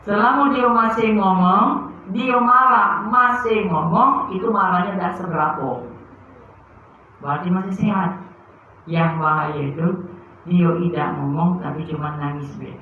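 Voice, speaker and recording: A high-voiced man preaches a sermon full of feeling. He drops to soft tones, then pushes out loud, emphatic lines. The sound is thin and phone-like in a strongly echoing room. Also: unhurried, slight background noise. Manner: emotive, swings from soft to loud emphatic bursts. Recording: very echoey, phone-like muffled sound.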